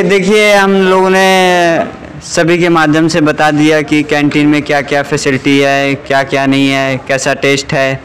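A young man vlogging casually, giving an upbeat, chatty tour of an outdoor college canteen and talking straight to his viewers as friends. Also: fairly high pitch. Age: young adult. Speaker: student vlogger touring a campus canteen. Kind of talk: casual walking vlog. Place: outdoor college canteen under a metal roof. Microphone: small handheld clip mic held near mouth.

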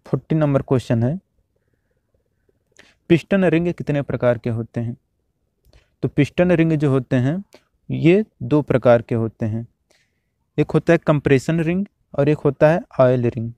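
A man teaching, reading out quiz questions and their options one by one, then repeating each answer in a steady drill. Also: mid-range voice, normal speed, long pauses, no room sound. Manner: steady, repetitive exam-drill delivery.

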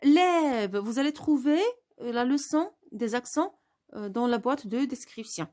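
A woman's voice: fairly high pitch, expressive, unhurried, darkish tone. A woman teaching a spelling lesson, spelling words out letter by letter and asking questions she answers herself.

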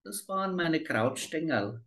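Man reading a cruel old witch, high and sly, coaxing and sinister. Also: animated, a little slow, fairly bright tone.

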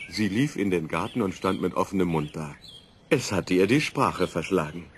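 A man reading a children's story aloud with slow, gentle storytelling. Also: deep voice, expressive, slight background noise. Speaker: narrator.

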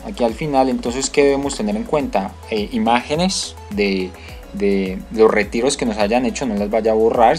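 A man's voice: medium pitch, darkish tone. A man with a Colombian Spanish accent explaining a screen-recorded tutorial step by step, with many fillers and restarts. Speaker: tutorial host.

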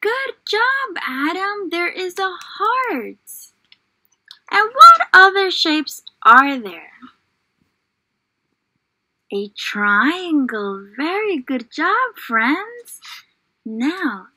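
Her pitch is extremely high: this young adult woman sounds very animated and sharp, drawing out her words. She teaches small children in a small indoor room with an encouraging, exaggerated child-directed lesson and read-aloud, asking lots of questions.

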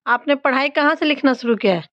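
A woman's voice: high-pitched, quick pace, a bit bright, no room sound. A woman quizzing her young daughter on her homework, scolding and teasing by turns. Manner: teasing, questioning, slightly raised voice. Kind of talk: scolding and coaching a child at homework. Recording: slightly dull lo-fi phone audio.

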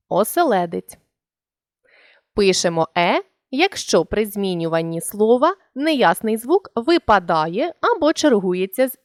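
A woman narrating a scripted language lesson, sounding out example words slowly and deliberately. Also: medium pitch, no echo, studio quality.

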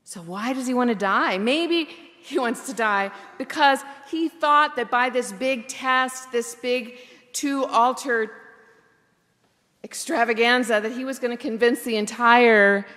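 A woman pastor preaching a sermon in a reflective, candid way, slowing down for emphasis. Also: on the high side, fairly bright tone, big-room sound. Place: church.

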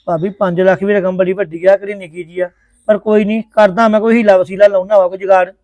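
A man's voice: sits high, level tone, fast talker, a little mellow, no echo. A man acting a placating brother-in-law in a family drama. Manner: placating, apologetic.

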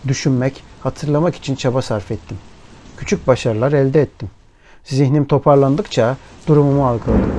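A man narrates an audiobook in a measured, somber voice of ordinary pitch. Steady rain and rolling thunder sit clearly beneath his reading. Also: background noise. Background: rain and thunderstorm ambience.

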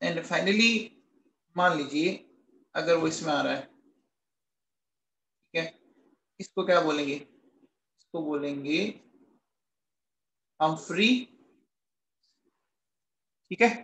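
A man's voice: on the high side, very slow, creaky, long pauses, a bit bright, roomy sound, rough recording. A man teaching a chemistry class who coaxes his students with questions and then answers them himself, affectionately calling them kids. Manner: calls students "beta" and "bachche" affectionately. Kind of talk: classroom lecture.

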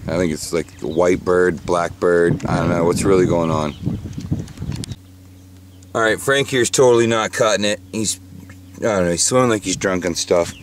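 A lower-voiced man jokes and swears freely while narrating his fishing trip to a camera mic. He talks from a small boat out on a marshy bay. Faint outdoor sound sits behind him. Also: fairly even intonation, moderate pace, pauses often, slight background noise. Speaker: fishing vlogger. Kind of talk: casual outdoor chat with jokey commentary.

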